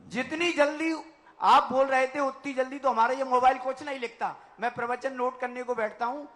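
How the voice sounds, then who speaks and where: A man's voice: extremely high pitch, fairly even intonation, moderate pace, fairly bright tone. A male devotee addressing the monk reverently, offering praise and thanks.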